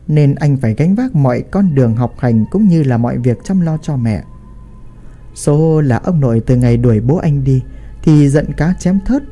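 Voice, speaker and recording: Expressive man telling a story. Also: medium pitch. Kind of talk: scripted story narration.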